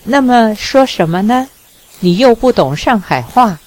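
Woman voicing a shy young girl in a storybook, bashful, slow lines. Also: on the high side, expressive, darkish tone. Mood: flustered. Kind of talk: audiobook reading.

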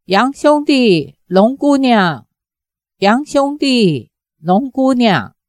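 Worried earnest older fighter guy, urgent, lady reading slow. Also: a little high, sing-song, darkish tone, no echo, clean studio sound, heavily acted. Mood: anxious. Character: loyal middle-aged male fighter, anxious and earnest.

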